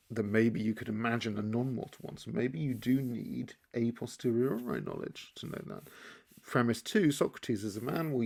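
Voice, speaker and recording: A man explaining key terms in a relaxed lesson, thinking aloud as he draws and often restarting his sentences. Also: medium pitch, creaky. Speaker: teacher. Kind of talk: explainer lesson while drawing.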